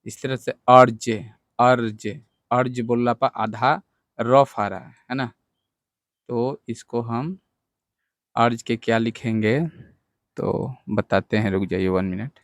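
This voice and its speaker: A man's voice: medium pitch, steady tone, no echo. Patient man teaching spelling, dry sound. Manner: patient and explanatory, repeats words slowly, addresses students directly. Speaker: English teacher. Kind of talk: classroom lesson explaining spelling.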